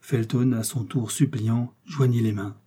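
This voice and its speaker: A male audiobook narrator with a very dark, mellow voice and a husky edge. His measured, expressive reading suits a classic adventure novel. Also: mid-range voice.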